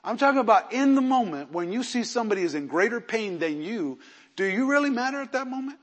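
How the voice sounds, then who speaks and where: A male pastor preaching a sermon who tells personal stories, moving between hushed storytelling and loud, emphatic preaching. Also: extremely high pitch, big pitch swings, fast. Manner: acts out quoted voices in his stories.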